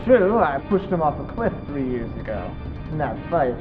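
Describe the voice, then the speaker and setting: A young man acting a serious police detective in a student film, speaking low and grave. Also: big pitch swings, normal speed, dull audio, music in the background. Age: young adult. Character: serious male police detective at a crime scene.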